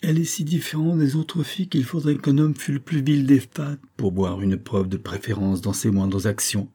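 A man's voice: mid-range voice, moderate pace, dark tone, breathy edge, pitched above the performer's own voice. A man voicing a shy, lovesick young schoolmaster in an audiobook, pouring out his feelings. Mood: brooding. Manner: passionate, trembling.

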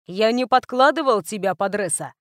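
A woman reading a calm, guarded young heir. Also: mid-range voice, moderate pace, no room sound, clean studio sound, lightly acted. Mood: cool, level. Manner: even, emotionless tone.

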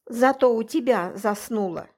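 A woman's voice: fairly high pitch, a little slow, darkish tone. A woman voicing a jealous whiny mermaid. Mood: indignant. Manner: whiny, reproachful.

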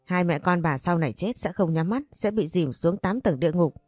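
A woman's voice: on the low side, lively intonation, moderate pace, a little mellow, no echo, faint music behind. A woman voicing a betrayed young wife in an audio story, speaking in anguish. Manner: anguished, pleading.

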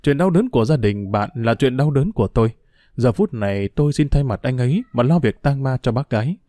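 A man reading an earnest young gentleman. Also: mid-range voice, animated, fairly quick, no room sound, studio quality, natural voice.

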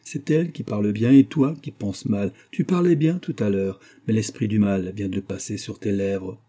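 Devout old nurse, solemn scolder, husky and dark, man reading her. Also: fairly low pitch, normal speed, close to an everyday voice. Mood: stern reproach. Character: old devout peasant nurse woman, stern. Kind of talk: audiobook reading.

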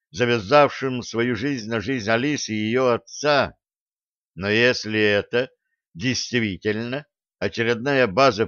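A man's voice: medium pitch, a bit bright, smooth, no room sound. Man narrating, dull dry sound. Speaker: audiobook narrator. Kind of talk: scripted narration. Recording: dull lo-fi audio.

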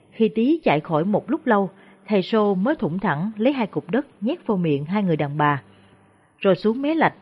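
A woman's voice: mid-range voice, breathy edge. Woman narrating a story. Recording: dull lo-fi recording.

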